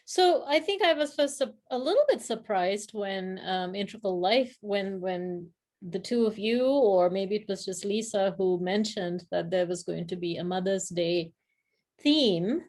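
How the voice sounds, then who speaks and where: A woman from Sri Lanka, appearing as a practice leader guest on a video call, speaks in a mid-range, darkish voice with lively intonation and a slightly slow pace. She reflects in casual conversation, searching for words and laughing easily.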